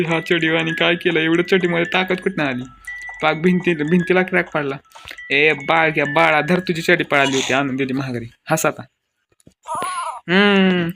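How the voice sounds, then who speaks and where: A young man giving excitable, crude, comic gameplay commentary, scolding and yelling at the game. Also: on the high side, slight background noise.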